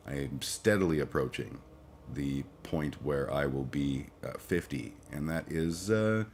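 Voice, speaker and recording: There's slight background noise as a man in his forties, with an extremely low, expressive voice, hosts a casual livestream chat. Tired after a late night, he rambles, stumbling through fillers and restarts and swearing freely.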